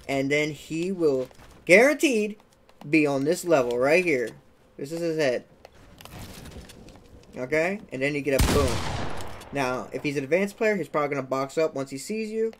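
A man's voice: lively intonation, moderate pace, slight background noise. Chatty young man explaining gameplay. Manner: chatty, keeps checking in with "okay?" and "right?"; sound effects like "boom" while demonstrating. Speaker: gaming tutorial creator. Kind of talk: casual walkthrough commentary.

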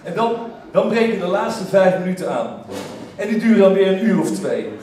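A man telling a humorous story to a live theater audience, lively and breaking into shouted exclamations. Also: high-pitched, normal speed, slight background noise. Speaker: stage storyteller. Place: theater stage. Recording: echoey theater from far off.

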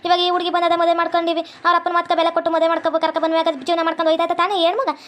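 A bossy cartoon mother-in-law, voiced by a woman, lectures in a North Karnataka accent. Her voice sits very high and stays on a flat, even tune. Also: rapid-fire. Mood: scolding. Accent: North Karnataka Kannada. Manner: lecturing, scolding. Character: bossy middle-aged mother-in-law, scolding. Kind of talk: cartoon comedy voice acting.

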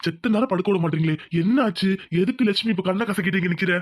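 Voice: medium pitch, fast talker, no room sound, clean studio sound, close to an everyday voice. A performer voicing an older village landowner man in a cartoon drama, weary and placating. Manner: tired, placating. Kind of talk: Tamil cartoon drama dubbing.

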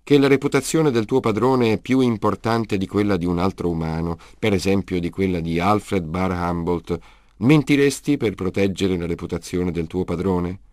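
Man voicing a detective, weary, dry, probing, low, dry sound. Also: moderate pace, darkish tone, dry recording, lightly acted. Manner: dry, questioning. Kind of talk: audiobook character reading.

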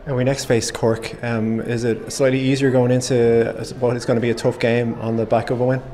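A man's voice: medium pitch, level tone, a little fast, mellow, a little hiss or hum. A man, an interviewer asking short, hesitant questions after a match.

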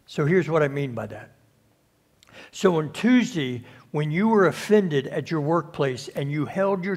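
A man preaching a conversational sermon at a church service, unhurried and often restarting or repeating his words. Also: fairly high pitch. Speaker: pastor.

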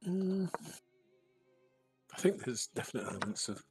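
A man's voice: medium pitch, very animated, measured pace, gravelly, darkish tone, husky, faint music behind, low-quality recording. A man streaming an online game, chatting casually and rambling with lots of "you know" fillers. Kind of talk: casual chat while gaming.

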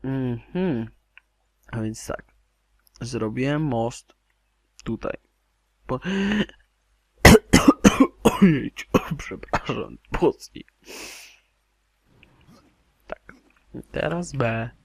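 A man commentating his own gameplay casually, drawling and murmuring asides, sometimes dropping to a whisper and sometimes bursting out loudly. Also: mid-range voice, no echo. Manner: slow, drawling, half-whispered asides with sudden loud outbursts. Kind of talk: casual let's play commentary.

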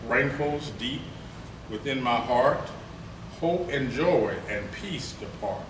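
At a podium in a conference room with a lectern, an older man who reads poetry first chats haltingly with many fillers, then recites slowly and gravely in a declamatory style. His mid-range voice has lively intonation. Picked up by a podium mic from a far camera, the recording is roomy, distant and noisy.

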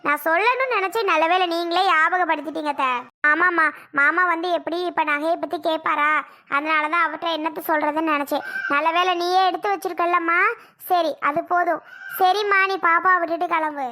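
A woman performing in a homemade family drama skit, her voice very high and bright. She moves between scolding, pleading and emotional household talk. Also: fairly even intonation, a little fast.

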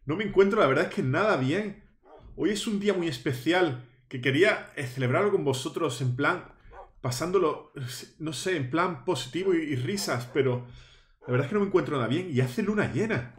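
A man's voice: on the high side, expressive, moderate pace, echoey room. A man narrating his Minecraft play as a youtuber, hamming up fear and shrieking at scares. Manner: dramatic, shrieks in mock fear, talks to viewers. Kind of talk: Halloween let's play, playacted fright.

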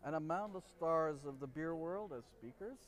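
A man in his forties, co-hosting a podcast, chats casually in an outdoor bar courtyard at a moderate pace and a fairly high pitch. He reads from a prompter and stumbles over names.

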